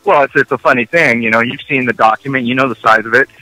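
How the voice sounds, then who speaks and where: A man from the United States, a guest on a radio interview, measured and argumentative with rhetorical questions. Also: mid-range voice, fairly even intonation, pushed and bright, dry recording, faint music behind, rough recording.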